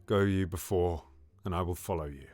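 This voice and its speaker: A man's voice: sits low, moderate pace, a little mellow, soft background music, natural voice. A man playing a scheming, sardonic, silkily seductive duke in a Shakespearean audio drama, theatrical and insinuating. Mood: feigned sympathy. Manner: theatrical, insinuating, drops into whispers.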